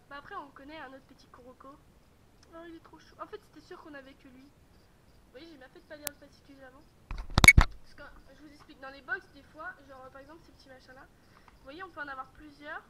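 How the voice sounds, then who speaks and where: A woman chatting casually to her viewers as she unboxes items, excitable and laughing often. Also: sits high, background noise. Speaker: YouTuber.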